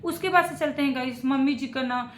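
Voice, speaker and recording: A woman gives emphatic reaction commentary in a fairly high voice. She hammers her points by repeating them and keeps asking her viewers what they think. The room around her is echoey. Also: fairly quick, fairly bright tone, a little hiss or hum. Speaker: reaction vlogger.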